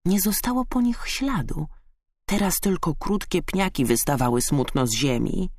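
A man narrating a children's animal story in an expressive, lively way. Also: a little high, moderate pace, no room sound, studio quality.

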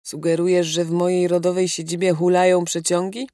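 Wry aristocrat, voiced by a female audiobook reader, low and dry, teasing understatement. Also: level tone, fairly quick, dark tone, no room sound, lightly acted. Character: male aristocrat, wry and good-humored. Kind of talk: audiobook character reading.

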